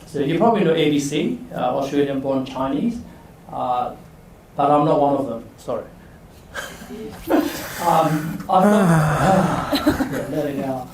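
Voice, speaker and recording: A man's voice: fairly high pitch, animated, measured pace, pauses often, background noise. Man speaking in an echoey hall. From Burma. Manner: chatty, quizzes the audience for raised hands. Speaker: workshop speaker, leadership coach. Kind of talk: casual presentation to students. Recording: echoey room from far off.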